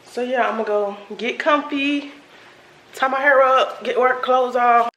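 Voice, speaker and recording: A woman's voice: high-pitched, unhurried. A woman with a Southern American accent gives a casual, rambling house tour to viewers, thinking aloud as she goes. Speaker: home makeover vlogger. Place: indoors, rooms of a house. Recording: noisy handheld home recording, household ambience. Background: clear background noise.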